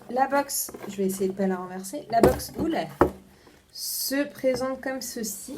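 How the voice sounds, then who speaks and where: A woman's voice: a little high, background noise. A young woman chatting casually as she unboxes a book subscription box, talking to her front-facing camera with many hesitations and repeated words. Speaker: book vlogger.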